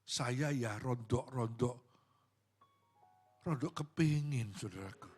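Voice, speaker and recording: A man's voice: medium pitch, slow pace, a little mellow, slightly rough, faint music behind. A middle-aged male pastor with a Javanese accent, preaching at a church service and telling stories of phone calls he received. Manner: storytelling, acting out phone calls. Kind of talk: sermon with storytelling.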